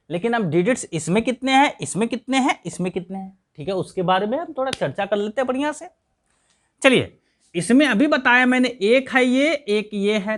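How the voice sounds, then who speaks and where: A man teaching a math lesson, asking questions and answering them himself, counting aloud step by step. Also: sits high. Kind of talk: classroom lesson.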